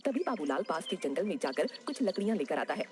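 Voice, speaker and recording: Fast-paced woman narrating a cartoon story. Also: on the low side, very animated, darkish tone, a little hiss or hum.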